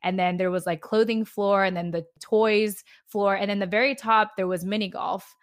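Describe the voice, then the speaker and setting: A woman's voice: medium pitch, fairly even intonation, normal speed, no room sound, studio quality. Upbeat, chatty woman host in her thirties, casual interview tone. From United States. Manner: upbeat, chatty, lots of restarts and "like". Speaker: podcast host.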